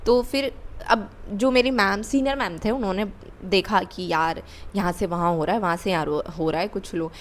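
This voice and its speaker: A woman's voice: medium pitch, moderate pace. A young woman vlogger telling a candid personal story, repeating words for emphasis. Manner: candid, confessional, with emphatic repetition.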